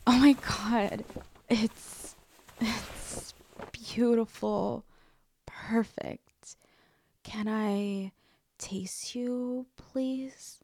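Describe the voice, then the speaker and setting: A woman's voice: on the high side, animated, takes it slowly, pauses often, no echo, exaggerated voice. A woman playing a jealous, lovestruck young woman. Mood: intimate, breathy. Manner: soft, intimate, addressing the listener directly. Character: jealous young woman confessing love to a friend. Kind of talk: audio roleplay to a listener.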